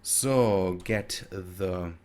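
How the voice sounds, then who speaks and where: He speaks very slowly in a low, slightly mellow voice, with some background noise present. A native German speaker with a German accent, he hosts a gaming video and offers casual, hesitant commentary, thinking aloud and fixing his own mistakes.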